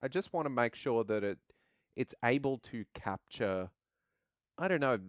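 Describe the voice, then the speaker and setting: Male podcast host, smooth clear voice, dry close sound, enthusiastic chatter. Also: mid-range voice, unhurried, dry recording. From Australia. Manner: animated, enthusiastic, acts out his own reactions. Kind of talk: casual chat.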